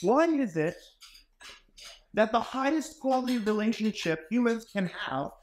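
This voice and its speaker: Man giving an emphatic keynote, high voice. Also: lively intonation, unhurried, slight background noise. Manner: storytelling, emphatic and conversational. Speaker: keynote speaker. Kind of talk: motivational keynote speech. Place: ornate wood-paneled hall, indoors. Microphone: handheld microphone.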